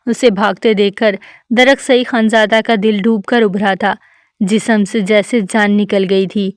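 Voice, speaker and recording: Smooth-voiced woman reading a novel. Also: medium pitch, steady tone, no echo, clean studio sound. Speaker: novel reader. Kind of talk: scripted narration of a romance novel.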